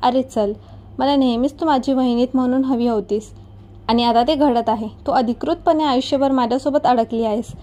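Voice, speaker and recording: A woman's voice: high voice, fairly even intonation, moderate pace, warm tone, lightly acted. A woman reading as a teasing, caring young friend. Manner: teasing yet reassuring.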